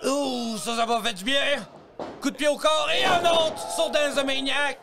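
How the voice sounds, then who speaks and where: A male wrestling commentator shouts play-by-play in a very high, excited voice. The recording is a live event thick with loud crowd and heavy noise. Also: measured pace. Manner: excited, shouting, echoes his partner's calls.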